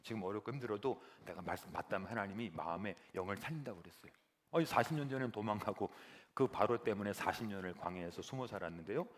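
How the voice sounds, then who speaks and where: Animated male pastor preaching. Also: lowish voice, fast talker. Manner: animated preaching, swells to loud emphatic peaks. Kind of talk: sermon.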